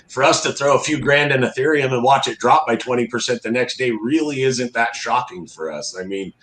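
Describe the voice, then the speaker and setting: A man's voice: mid-range voice, fairly quick, fairly bright tone. A middle-aged man chatting casually as an interview guest, plain-spoken and folksy in a laid-back way. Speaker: interview guest, crab fisherman. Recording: roomy, echoey sound.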